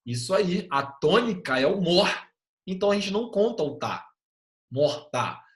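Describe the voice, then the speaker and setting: Animated male teacher, roomy echo. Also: high voice, normal speed. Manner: animated, keeps checking in with tag questions. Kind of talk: online class lesson.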